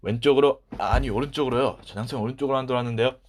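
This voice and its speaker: A man voicing an eager, polite young boy servant in a children's storybook, loud and earnest. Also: mid-range voice, rapid-fire, lightly acted. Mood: protesting.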